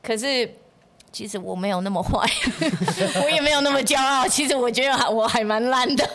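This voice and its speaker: Woman telling lively stories, high voice. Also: normal speed. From United States. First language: English. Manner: laughs often, acts out the voices of people in her stories. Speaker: podcast guest. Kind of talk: animated storytelling.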